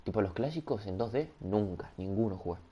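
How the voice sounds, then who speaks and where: A man's voice: fairly low pitch, expressive, brisk, lo-fi sound, background noise. Rambling young Rioplatense streamer guy. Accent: Rioplatense Spanish. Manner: rambling, joking, laughs at himself. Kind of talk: casual gaming livestream chat. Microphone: headset microphone.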